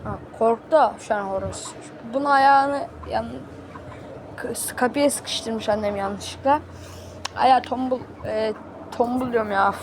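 A woman's voice: fairly high pitch, takes it slowly. A woman chatting casually to her viewers from a chicken coop, talking to them like friends and bluntly scolding the animals around her. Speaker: vlogger. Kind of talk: casual vlog chat. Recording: loud farmyard noise with clucking birds.

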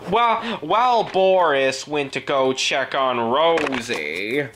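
An amateur narrator of a fan-made animated video who stumbles over words and fills in parent parts. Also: medium pitch, slow pace, background noise.

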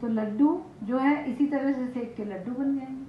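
Speaking at a normal pace in a high voice, an older Indian-accented woman demonstrates a dish to camera as a cooking show chef, explaining each step. She's in a home kitchen, and the audio is muffled, echoey and noisy.

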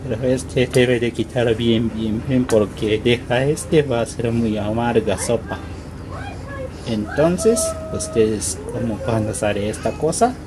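Japanese-native man, slow hesitant broken Spanish, noisy kitchen recording. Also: mid-range voice, very animated. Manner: halting broken Spanish, searching for words and apologizing. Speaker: home cook. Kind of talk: casual cooking demonstration. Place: home kitchen.

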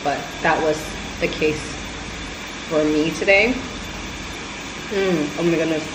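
Casual woman vlogger, mouth full while talking, lowish voice, echoey room with AC hum. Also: steady tone, slow. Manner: chatty, addresses viewers as "you guys". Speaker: food vlogger. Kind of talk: casual cook-with-me chat. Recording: echoey room with air conditioning noise.

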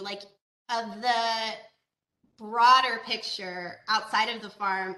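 A woman from Georgia leads an online lesson on farming and the environment, her voice bright and a touch high. She talks casually, with fillers and questions to the audience. The video-call sound carries a noticeable echo from the room. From Georgia, USA. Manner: conversational, with frequent fillers and rhetorical questions. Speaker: agricultural educator. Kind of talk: online presentation.

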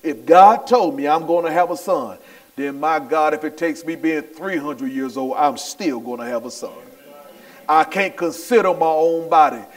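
A male pastor preaching a sermon at a church service, getting excited, repeating his lines and calling on the congregation to answer back. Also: fairly high pitch, moderate pace. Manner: excitable, repeats phrases and calls for the crowd to answer.

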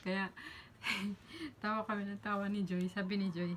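A woman's voice: mid-range voice, unhurried, a little hiss or hum. A middle-aged woman vlogger telling a story in casual chat, laughing often and acting out what her friends said. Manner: animated, laughing, acts out friends' lines.

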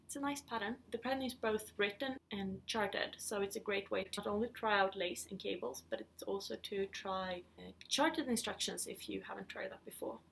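A Swedish-accented woman in her thirties hosts a casual knitting vlog from her living room at home, sounding a little hesitant. Her medium-pitched, fairly bright voice is creaky, moving at normal speed with hardly any pauses.

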